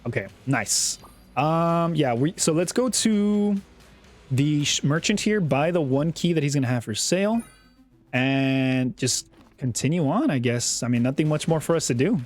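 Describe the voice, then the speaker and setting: A young man giving casual, chatty commentary over his own gameplay, often repeating himself and getting excited. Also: fairly high pitch, a little slow, faint music behind. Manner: chatty, self-talking, repeats words, excitable. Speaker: gaming YouTuber.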